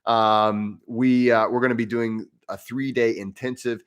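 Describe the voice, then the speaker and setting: A man's voice: mid-range voice, little pitch movement, a little slow, clean tone. An American man hosting a casual, unscripted livestream in an informal, rambling way, often hesitating and repeating phrases. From United States. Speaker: livestream host, breathwork instructor and English professor.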